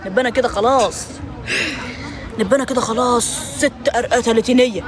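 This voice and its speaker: A woman's voice: fairly high pitch, fast. A woman, hosting a casual outdoor live stream with playful, dramatic mock laments. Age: 20s. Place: outdoors in a garden with people and traffic around. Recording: outdoor recording with crowd chatter.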